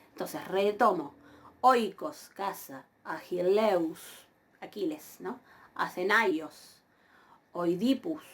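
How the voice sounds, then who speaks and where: Patient woman teacher pronouncing Greek slowly. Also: on the low side. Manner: patient, repeats words slowly with frequent "¿sí?" checks. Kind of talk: recorded lecture.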